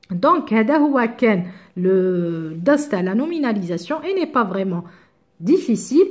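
A woman's voice: on the high side, a little mellow. A woman with an Algerian accent teaching French grammar to middle-school students, explaining step by step with examples and switching into Arabic to clarify.

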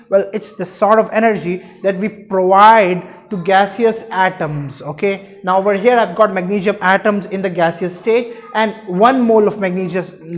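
A man in his twenties with a Pakistani accent lectures at a whiteboard, explaining emphatically and repeating key terms. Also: high voice. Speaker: chemistry teacher. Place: indoor room at a whiteboard. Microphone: lapel mic.

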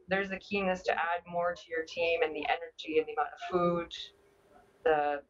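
A young woman answering interview questions conversationally, hesitant and often repeating her words. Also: fairly low pitch. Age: young adult. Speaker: interview guest, dog team owner. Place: large busy indoor meeting hall. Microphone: video call. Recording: muffled video call, distant microphone.

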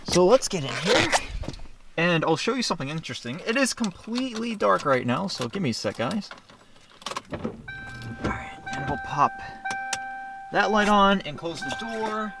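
With music in the background, a young man with a high, very animated voice narrates a chatty vlog at normal speed, pausing often. He explains as he goes, showing things on camera in a parking lot and in a car.

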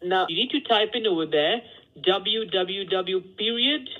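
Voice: medium pitch, a little slow. Insistent phone agent on a muffled line. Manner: insistent, repetitive, formally polite. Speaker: phone scammer posing as tech support. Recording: dull lo-fi phone call.

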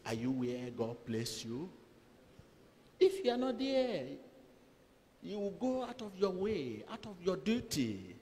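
A middle-aged man preaching to a seated congregation in a large church hall, speaking slowly and emphatically into a handheld microphone, with dramatic swings in loudness and long pauses between phrases. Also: high-pitched, very animated. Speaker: pastor. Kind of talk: sermon. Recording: long hall reverb, faint room noise.

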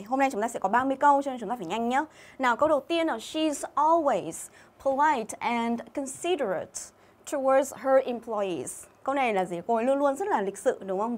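A young woman from Vietnam teaching an English exam-review lesson on a livestream, chatting and reading out viewers' names and comments. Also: on the high side.

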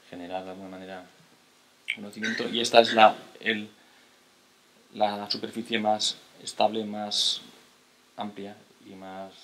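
A man gives a seated lecture into a table microphone. His voice sits low and stays fairly level, and he often breaks off to restart a phrase or checks in with a quick tag question. A soft hiss runs under the recording. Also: rough recording. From Spain. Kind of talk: lecture to an audience. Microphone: table mic on a stand.

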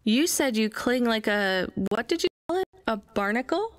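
A woman's voice: on the high side, lively intonation, moderate pace, natural voice. An actress voicing an independent, skeptical young woman courier in a video game, plainspoken and understated. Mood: skeptical, matter-of-fact.

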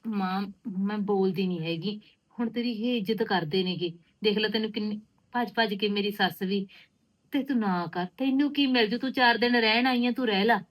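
A young woman playing a married daughter who pleads with and scolds her mother to keep quiet in front of the in-laws. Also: fairly quick, close to an everyday voice. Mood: urgent, pleading. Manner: pleading, scolding in low urgent tones. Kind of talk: rural village drama acting.

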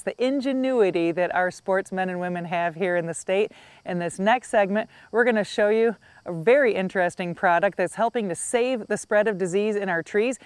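A young woman presents a segment of an outdoors show as host, bright and friendly. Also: mid-range voice, no echo. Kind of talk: scripted presenting.

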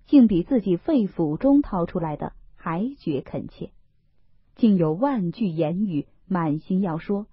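A woman reading a classic novel aloud in a measured, expressive storytelling manner. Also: medium pitch, slightly rough, no room sound. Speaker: reader. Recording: dull, lo-fi, dry recording.

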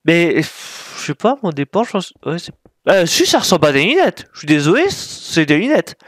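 A man's voice: fairly high pitch, very animated, moderate pace, dry recording, studio quality. A man giving casual gameplay commentary, thinking aloud while he plays and mocking himself with frequent apologies. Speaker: gaming YouTuber.

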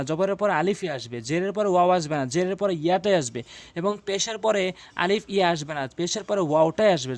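A man teaching Quran reading in a video lesson, drilling syllables slowly and repeating sounds. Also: sits high, no echo.

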